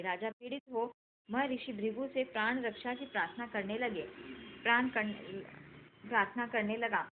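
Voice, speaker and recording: Woman reading sacred story aloud, steady and measured, higher voice, tinny line. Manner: steady, measured, occasional self-corrections. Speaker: scripture reader. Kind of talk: devotional scripture reading. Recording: tinny phone-like line, faint noise.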